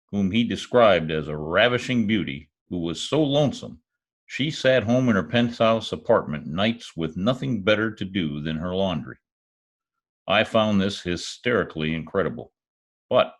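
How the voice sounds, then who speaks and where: In a fairly low voice, a man plays a wry, quipping private eye posing as a lonely Oklahoma oilman, delivering first-person narration in 1940s radio detective style. It was recorded remotely over a video call, with music.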